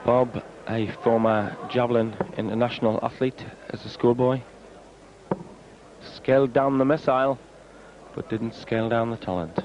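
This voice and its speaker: A man's voice: medium pitch, steady tone, moderate pace. Male darts commentator on dull archive TV. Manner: colourful, wry turns of phrase. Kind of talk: live sports commentary. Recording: dull, noisy archive TV broadcast.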